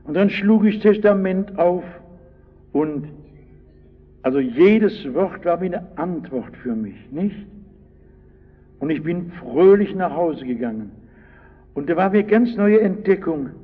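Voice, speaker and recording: Male preacher, slow dramatic storytelling, old dull recording in a big reverby hall. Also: fairly high pitch, animated, husky. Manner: dramatic storytelling, addresses listeners directly. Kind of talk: sermon.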